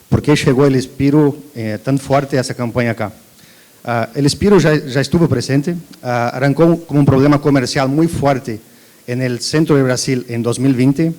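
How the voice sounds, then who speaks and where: A Brazilian man, a researcher at an agricultural company and a native Portuguese speaker, gives a technical presentation. His voice is mid-range and a little mellow, and he speaks a mix of Spanish and Portuguese with a Brazilian accent.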